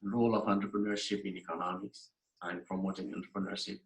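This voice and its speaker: A university lecturer from Nepal records a lecture over his slides in an echoey room, his fairly low voice showing little pitch movement at a quick pace. His delivery is earnest and emphatic, with frequent restarts and repeated phrases.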